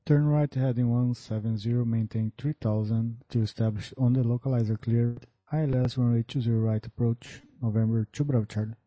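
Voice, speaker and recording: A man with a mid-range, warm voice speaks steadily and a little fast, barely pausing, acting as a pilot on a cockpit headset radio. He delivers clipped, procedural readbacks typical of aviation radio calls. The audio is muffled and lo-fi like radio, with no room sound.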